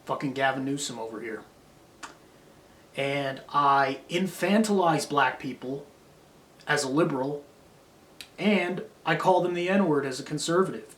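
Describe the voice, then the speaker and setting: A man's voice: medium pitch, a bit bright. A man delivering a rambling, profane, self-critical monologue, drifting between grudges and philosophy. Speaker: vlogger. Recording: roomy echo.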